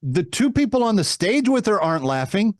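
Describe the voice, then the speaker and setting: Male political host, slightly high voice, dry studio sound. Mocking, emphatic monologue delivery. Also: very animated, brisk, no echo. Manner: mocking, emphatic, with repetition for effect. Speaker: political talk show host.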